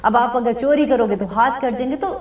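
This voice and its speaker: Woman, religious lecture, fairly high voice, translates verses phrase by phrase, distant mic. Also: brisk, darkish tone, roomy sound. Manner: explains with everyday examples. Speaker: Islamic speaker. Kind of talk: religious lecture with Quran commentary.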